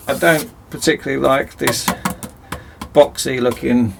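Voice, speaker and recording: A man's voice: medium pitch, fairly even intonation, moderate pace, vocal fry, noisy background. A man chatting casually and self-mockingly as he rambles through a DIY project in his cramped home workshop. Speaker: DIY video host.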